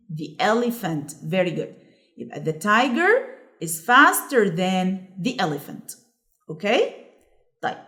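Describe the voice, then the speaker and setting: A woman with an Egyptian Arabic accent teaches English grammar to children, pronouncing the English examples slowly and drawn out and checking in with "okay?" again and again. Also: medium pitch, fairly bright tone. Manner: slow stretched-out English examples. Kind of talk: classroom lesson.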